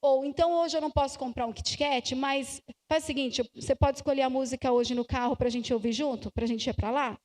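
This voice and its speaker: A Brazilian woman giving slow, emphatic advice to parents at a church family conference, acting out little dialogues. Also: sits high, steady tone, a little mellow. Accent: Brazilian Portuguese. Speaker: conference speaker. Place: church hall. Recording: church hall with long reverb.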